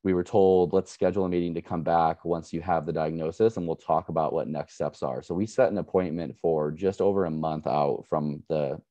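A man giving an earnest, measured personal account as a parent at an education session, with frequent restarts. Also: low-pitched, warm tone, no room sound. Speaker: parent speaker.

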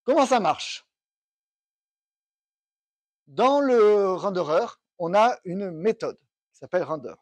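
A man's voice: high voice, expressive, takes it slowly, long pauses, dry recording. A man giving a technical conference talk, explaining step by step and thinking aloud with restarts. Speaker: conference speaker. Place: conference room.

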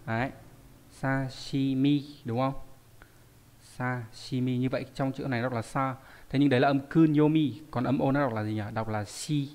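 A man's voice: medium pitch, steady tone, fast, darkish tone. Man teaching a live online lesson. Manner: reads viewer names and explains readings, asking rhetorical questions. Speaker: Japanese teacher.

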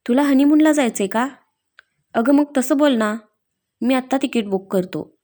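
A woman's voice: a little high, normal speed, a little mellow, close to an everyday voice. A woman voicing a playful, teasing young husband who is a police officer, in a read-aloud story. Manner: teasing, affectionate.

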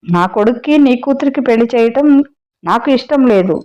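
A woman voicing a sharp-tongued older village woman who speaks with sarcasm and scolds loudly. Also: on the high side, lively intonation, normal speed, muffled recording, lightly acted. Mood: angry.

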